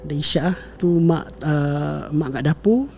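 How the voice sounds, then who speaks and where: A young man with a fairly high, gravelly, darkish voice tells a family story as a podcast guest, speaking unhurriedly over soft background music. His casual retelling rambles, full of fillers and self-corrections, with English words mixed in.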